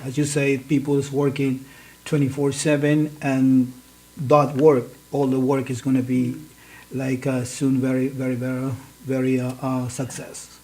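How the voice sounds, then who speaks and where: Male guest from northern Peru, level monotone, halting speech. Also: medium pitch, low-quality recording. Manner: hesitant, repeats words. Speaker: interview guest, cast member.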